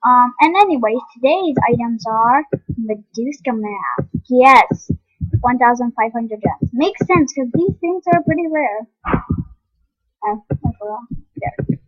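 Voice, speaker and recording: A woman's voice: a little high, lively intonation, a little slow, no echo, dull audio. A young woman giving rambling, casual commentary on an online game, full of ums and restarts. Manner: eating while talking. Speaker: game vlogger.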